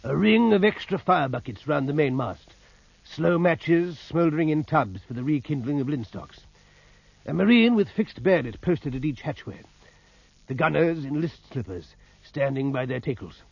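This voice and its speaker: An actor playing a naval officer who narrates his sea battle in a grave, measured, literary manner. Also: on the high side, animated, gravelly, husky, dry recording, heavily acted. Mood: tense, measured. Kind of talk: dramatic scripted first-person narration. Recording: dull sound with music behind.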